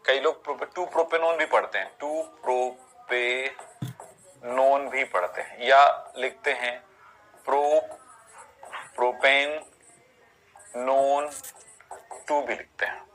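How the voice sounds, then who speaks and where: A man's voice: medium pitch, takes it slowly, long pauses, a bit bright, faint music behind, low-quality recording. A man teaching a chemistry lesson, explaining step by step, counting carbons aloud and asking his students rhetorical questions. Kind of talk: classroom lecture on chemistry naming.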